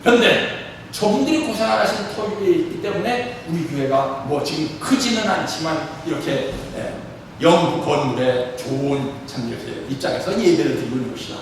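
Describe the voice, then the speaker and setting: A man in his sixties delivers an animated sermon, pitched high for a man. He stands away from the mic, so his voice rings through a large, echoing church hall. Faint noise hums underneath. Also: normal speed, far from the mic. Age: 60s. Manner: animated preaching with rhetorical questions. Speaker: church leader.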